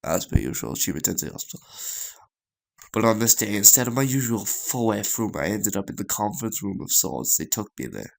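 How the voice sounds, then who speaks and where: A man reading a visual novel story aloud as a gaming host, in a halting way with stumbles and repeated phrases. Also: on the low side, animated, gravelly.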